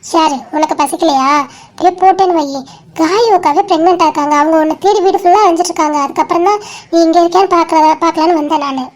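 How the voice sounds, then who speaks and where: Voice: very high-pitched, steady tone, quick pace. A performer voicing a bossy, caring young woman in a cartoon who scolds and nags her friend insistently. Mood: scolding. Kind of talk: dramatic cartoon dialogue.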